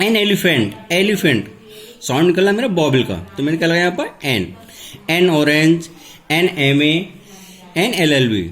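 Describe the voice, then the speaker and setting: Male grammar teacher, slightly high voice, quizzes the class and answers himself. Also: animated, a bit bright. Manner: asks questions and answers them himself; repeats key words slowly. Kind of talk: classroom lesson, step-by-step explanation.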